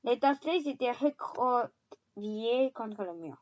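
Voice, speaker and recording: Slow, high-voiced woman reading a story. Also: animated, darkish tone, muffled recording, slight background noise. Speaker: reader. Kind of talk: reading a novel aloud.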